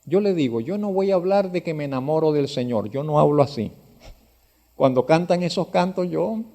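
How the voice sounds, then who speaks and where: A man preaching a sermon, asking direct questions of his listeners and building from quiet reflection to loud, emphatic exhortation. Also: a little high, creaky. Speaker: pastor.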